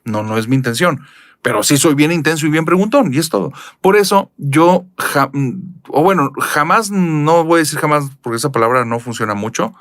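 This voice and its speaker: A man's voice: normal speed, no echo. A man from Nuevo León with a Monterrey accent, chatting expressively as a channel host while reading viewer comments. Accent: Northern Mexican (Monterrey). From Mexico, Nuevo León. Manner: expressive, chatty, lively pitch jumps.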